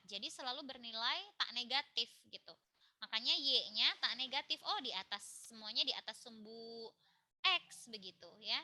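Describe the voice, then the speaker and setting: Motorbike traffic from a busy village road drifts in as a woman teaches an online math lecture from home. She speaks in a fairly high, bright, forceful voice with no room sound, chatting through the steps and tagging lines with "gitu ya."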